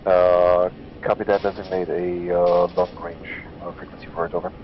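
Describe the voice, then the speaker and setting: A man's voice: deep voice, flat delivery, normal speed. A man calling in over a radio with static bursts as a ground squad leader, using clipped military radio procedure with hesitant fillers. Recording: lo-fi radio sound with faint hiss.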